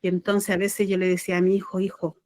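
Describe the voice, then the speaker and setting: A woman's voice: mid-range voice, level tone, quick pace, a little mellow, no room sound. A middle-aged woman with a Chilean accent, a spiritual channeler telling a personal story in a rambling, self-correcting, heartfelt way. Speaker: spiritual channeler and podcast host.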